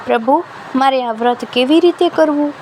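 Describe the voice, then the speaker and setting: A woman's voice: high voice, normal speed, a little mellow, a little hiss or hum, natural voice. A woman voicing a humble, cursed priest in a devotional storybook tale, imploring.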